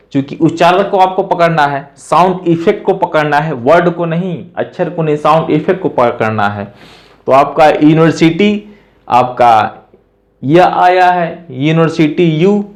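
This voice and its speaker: Brief: male teacher, slightly high voice, slow, patient, repeats himself, checks understanding. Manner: patient, repeats points, asks "clear?". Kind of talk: grammar lesson explaining step by step.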